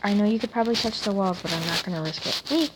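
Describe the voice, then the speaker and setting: A woman hosting a gaming channel, giving casual commentary on her play, excitable and prone to exclaiming and repeating phrases. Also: mid-range voice, fast talker, heavy background noise.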